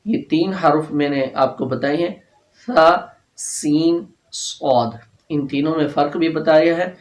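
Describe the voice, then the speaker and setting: A man teaching a tajweed lesson, patiently repeating each letter slowly and chanting verses in drawn-out recitation. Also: a little high, darkish tone, reverberant.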